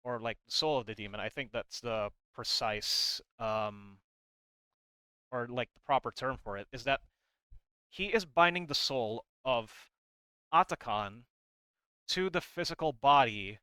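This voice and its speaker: The audio is poor, though his tone is clean and sharp with no room sound. In a medium-pitched voice, this man explains game lore unhurriedly with frequent pauses, giving rambling, hesitant commentary on a comic and now and then reading parts of it aloud.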